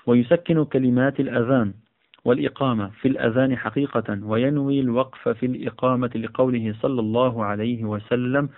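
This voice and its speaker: A man reading and explaining a text on Islamic law as a teacher, often repeating phrases and correcting himself with fillers. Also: medium pitch. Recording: tinny phone-like audio.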